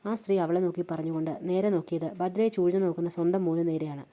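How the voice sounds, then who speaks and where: Mellow, dark-voiced woman storyteller. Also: fairly low pitch, fast. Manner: steady storytelling. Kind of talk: scripted story narration.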